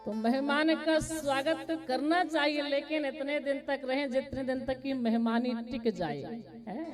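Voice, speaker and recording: High-voiced woman preacher, music behind. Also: normal speed. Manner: storytelling, breaks into singing chaupai. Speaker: Ram Katha preacher. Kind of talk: devotional sermon with sung verses.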